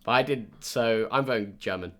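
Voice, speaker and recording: A man's voice: on the low side, moderate pace, pushed and bright. A young man hosting a casual podcast chat with friends, running a dog vote and easily amused. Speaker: podcast host.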